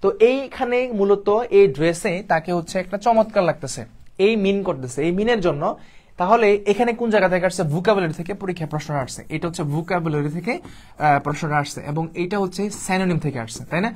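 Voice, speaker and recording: A man's voice: high-pitched, fast, darkish tone. A man with a Bangladeshi Bengali accent teaching an online exam-prep English lesson, repeating points and checking in with students often. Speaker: admission test English teacher.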